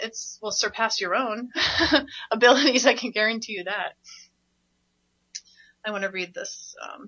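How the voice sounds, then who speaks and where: Woman radio host, bright forceful voice, passionate, emphatic, laughs often, dull lo-fi recording. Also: mid-range voice. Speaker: radio show host and parenting coach. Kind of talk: monologue on a radio show.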